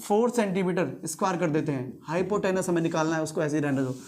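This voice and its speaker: A male teacher lecturing to a classroom. He keeps throwing questions at the class in call-and-response and repeats each key term to drive it home. His delivery is steady and instructive. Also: a little high, fast talker. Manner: quizzing students in call-and-response; repeats and stresses key terms.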